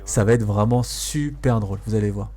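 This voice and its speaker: Speaking a little fast in a fairly low, dark voice, a male video host gives relaxed, amused commentary while playing, with hesitations and repeated phrases for emphasis. The recording carries faint noise and background game sounds.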